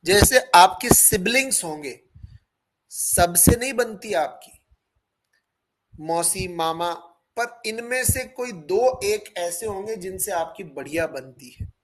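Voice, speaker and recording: A man's voice: sits high, expressive, takes it slowly, low-quality recording. A man teaching a live online class, explaining ideas with everyday examples and asking students questions in his English.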